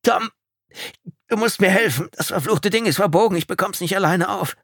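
Narrator doing a hurt male crash survivor, pushed high and loud, urgent and strained, in a dry booth. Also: extremely slow, gravelly, dry recording, exaggerated voice. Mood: pained. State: in pain. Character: injured panicked man, plane crash survivor.

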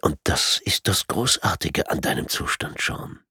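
Man playing a calm sadistic torturer, soft menacing whisper, deliberate pace, husky, dry close sound. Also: sits low, dry recording, full character voice. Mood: quiet menace. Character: calm sadistic male torturer posing as surgeon.

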